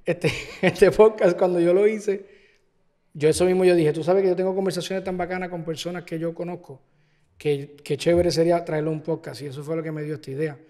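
A man's voice: fairly high pitch, fairly even intonation, a little fast, dark tone, in a large hall. A man hosting a podcast, chatty and rambling, often restarting his sentences. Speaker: podcast host. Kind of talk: casual podcast conversation.

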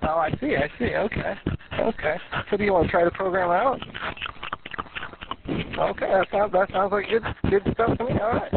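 Polite customer service guy on the phone, high voice, tinny line with hiss. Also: moderate pace, creaky, pauses often. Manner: polite, agreeable, hesitant restarts. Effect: heard over a phone line.

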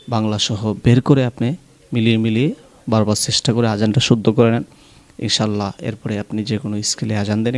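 A man with a Bangladeshi Bengali accent giving a pronunciation lesson, explaining calmly and then chanting long, drawn-out sung phrases. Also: fairly low pitch. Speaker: azan teacher.

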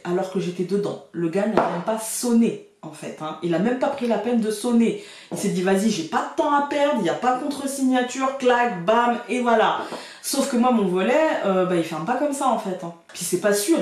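In a dark, mid-range voice, the card reader and vlogger shares casual stories to camera, talking colloquially and laughing a lot. The very echoey room and her distance from the mic give the recording a far-off sound.

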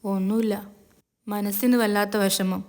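A woman's voice: medium pitch, level tone, unhurried, darkish tone, close to an everyday voice. A woman voicing a heartbroken young female office worker who speaks sorrowfully and denies her own feelings. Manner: sorrowful, self-denying.

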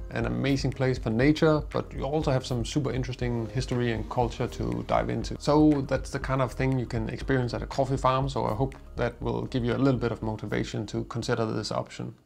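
Male coffee vlogger, thirties, gravelly texture, conversational with filler pauses. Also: mid-range voice. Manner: relaxed, conversational with frequent "uh" fillers. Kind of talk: casual explainer to camera. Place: small indoor studio with coffee gear behind.

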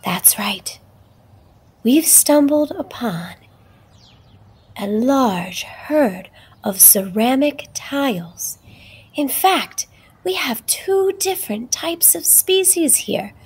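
Woman, slow and breathy, whispered mock-documentary narrator, deadly solemn. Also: sits high, animated. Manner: hushed, often whispering, solemn and dramatic.

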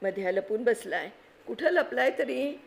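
A young girl in a storybook reading, brave but scared, urgent and reassuring in turn, as a woman reader puts her on. Her voice has a faint gravelly grain. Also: on the high side, lively intonation, unhurried, a little hiss or hum.

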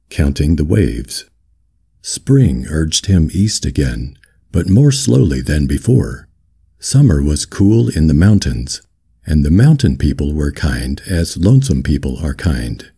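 A man reads literary fiction as an audiobook narrator in a calm, firm, deep voice with a husky edge. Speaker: audiobook reader.

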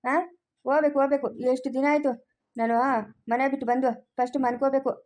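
A woman's voice: high-pitched, fairly even intonation, quick pace, darkish tone, natural voice. A woman playing a stubborn young village man in a family skit, speaking rural Chikkaballapur Kannada in an insistent, scolding way.

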